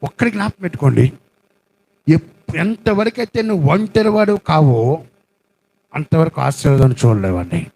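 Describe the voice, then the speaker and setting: A male pastor preaching with passion, his high, gravelly voice rising and falling widely. He piles up repeated phrases and pointed rhetorical questions. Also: very animated, normal speed, long pauses, darkish tone. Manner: impassioned, repetitive, rhetorical questions. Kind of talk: sermon. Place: prayer house.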